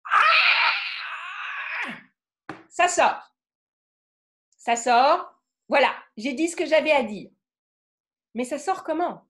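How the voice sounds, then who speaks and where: A French woman giving a lively talk on the voice, acting out emotions with sudden vocal bursts and often checking in with her audience. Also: sits high. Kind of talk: lively spoken lecture with demonstrations.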